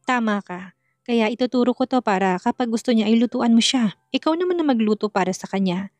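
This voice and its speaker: A woman's voice: fairly high pitch, fairly quick, a little mellow, dry recording, natural voice. A woman voicing a stern but caring older mother-in-law in a narrated story, firm and scolding yet tender. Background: faint music.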